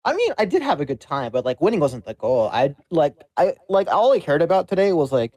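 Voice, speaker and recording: A man in his thirties talks casually as an interviewed player, using a practiced customer service register. His tone is relaxed and rounded rather than sharp, and the sound is dry and close. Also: fairly high pitch, fairly quick, no echo. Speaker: competitive game player being interviewed after winning a tournament.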